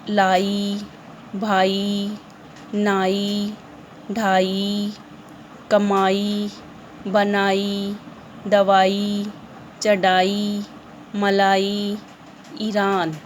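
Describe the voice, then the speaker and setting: A woman's voice: medium pitch, slight background noise. A woman teacher with an Indian accent, giving an online lesson and stressing each word as she reads lists of words aloud. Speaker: school teacher.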